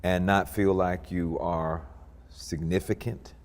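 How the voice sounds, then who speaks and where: A male pastor hosts a talk show and interviews a guest with slow, earnest phrasing. His voice sits low. A long reverb trails behind it. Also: level tone.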